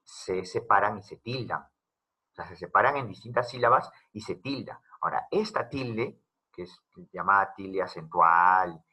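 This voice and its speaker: Male teacher, bright slightly husky tone, patient step-by-step classroom explanation. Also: on the low side. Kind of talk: classroom grammar lesson.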